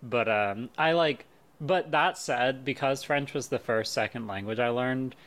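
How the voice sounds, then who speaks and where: A man's voice: mid-range voice, a little slow, a bit bright. A young man co-hosting a podcast in casual chat, hesitant, with many fillers and restarts and frequent laughter. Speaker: podcast co-host.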